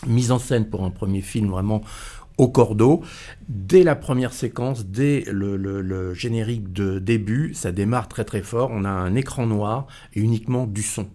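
A man giving a film review on a radio show in the studio. His voice is low and mellow, and his delivery is earnest, full of hesitations and repeated words. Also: moderate pace. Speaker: film critic.

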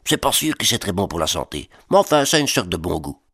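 A deep, lively man teases his young listeners with playful, deadpan asides. His pitch bounces a great deal, and the recording is close and dry. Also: fast, husky, no echo. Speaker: comic presenter. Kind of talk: comic explainer to children.

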